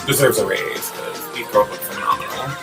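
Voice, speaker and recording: A man's voice: fairly low pitch, normal speed, gravelly. A man giving casual reaction commentary as a host, talking in an effusive, campy, slangy way. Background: music videos playing.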